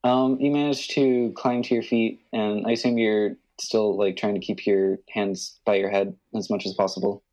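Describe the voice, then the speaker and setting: Informal game master with a mid-low voice. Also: flat delivery, moderate pace, hardly any pauses, darkish tone, rough recording. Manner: joking, informal. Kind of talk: casual improvised narration of a tabletop game.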